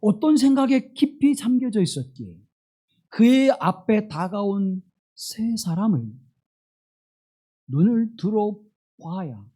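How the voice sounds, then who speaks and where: A man preaching a Sunday sermon in a church, slowing down for scripture and asking the congregation questions. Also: high-pitched, sing-song, slightly rough. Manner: slow, dramatic scripture reading with wide swings in loudness; asks the congregation rhetorical questions. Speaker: pastor.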